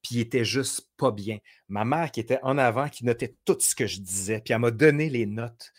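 A man with a Quebec French accent is a guest in a casual conversation, telling stories animatedly and acting out his own thoughts as quoted inner voices. His voice is medium-pitched and a little fast.

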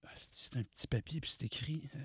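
A man, bantering excitedly in a comic sketch with quick, jokey reactions. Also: medium pitch, breathy edge, dry recording, studio quality. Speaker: comedy co-host.

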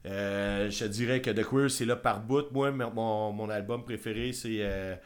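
A man's voice: fairly low pitch, steady tone, moderate pace, clear, resonant tone. Rambling Québécois man talking music. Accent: Quebec French. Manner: rambling, enthusiastic, swearing casually. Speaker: podcast host. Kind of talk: casual music review chat.

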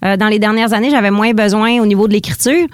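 A woman's voice: medium pitch, fairly even intonation, fast talker, clean tone, dry recording. Chatty Quebec woman comedian, dry sound. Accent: Quebec French. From Quebec (Lac-Saint-Jean). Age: 40s. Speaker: comedian guest. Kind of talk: casual interview.

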